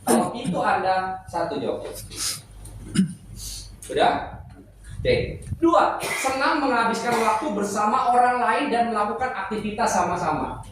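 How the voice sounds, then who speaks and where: Unhurried and expressive, with long pauses, a middle-aged preacher with a high voice jokes playfully with his congregation while teaching a seminar. The church hall recording is echoey and noisy, his voice distant from the mic.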